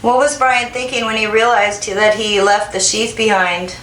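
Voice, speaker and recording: A woman asking slow, deliberate questions as a medium in a spirit session, recorded in an echoey room. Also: on the high side, fairly even intonation, a bit bright. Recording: echoey room, faint background noise.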